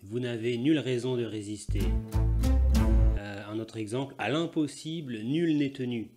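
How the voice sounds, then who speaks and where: A man who is a native French speaker, teaching a language lesson and repeating example phrases slowly and carefully. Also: mid-range voice, over loud music. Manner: slow deliberate repetition of example phrases; switches between Portuguese and French explanations. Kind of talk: language lesson explaining grammar.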